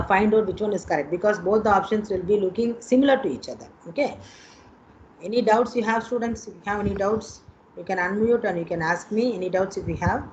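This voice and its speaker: Female Indian-accented lecturer, mid-pitched, instructive and repetitive, coaching students over a lo-fi, slightly noisy online call. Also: a little mellow. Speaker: engineering lecturer. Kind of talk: online exam coaching lesson. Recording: dull lo-fi online call with noise.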